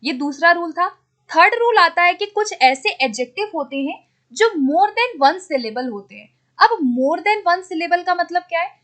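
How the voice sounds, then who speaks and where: A woman teacher giving an exam-prep grammar lesson, asking questions and then answering them, checking in often, and spelling out example words slowly. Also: very high-pitched, expressive, a bit bright.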